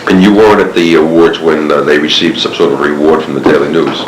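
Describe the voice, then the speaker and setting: A man's voice: rumbling low, fairly even intonation, fast talker. A man conducting an interview on an old cassette tape, asking probing follow-up questions. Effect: old cassette tape recording. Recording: hissy echoey cassette tape.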